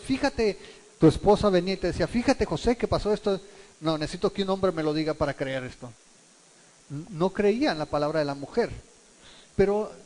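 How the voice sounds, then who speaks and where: Male Mexican pastor, high-pitched, conversational preaching in a reverberant church hall. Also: darkish tone. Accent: Mexican Spanish. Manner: conversational, acts out quotes with shifting pitch. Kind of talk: verse-by-verse sermon.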